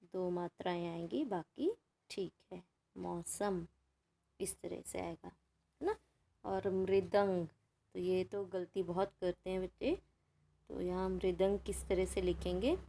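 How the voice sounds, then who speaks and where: Woman teacher, slow unhurried delivery, patient step-by-step explaining, workbook lesson. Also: fairly low pitch, vocal fry, dark tone. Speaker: Hindi teacher.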